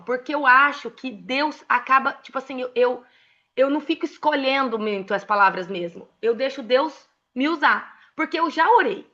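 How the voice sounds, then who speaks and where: Bright-voiced Brazilian woman, emotional storyteller. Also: fairly high pitch, highs cut off. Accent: Brazilian Portuguese. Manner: emotional and expressive, laughs often. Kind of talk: casual mentoring talk with personal stories.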